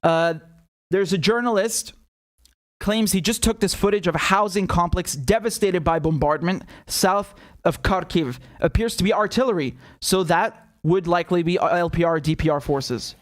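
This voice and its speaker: A man giving casual, unscripted live news commentary in a rambling, halting way that drifts into tangents. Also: high voice.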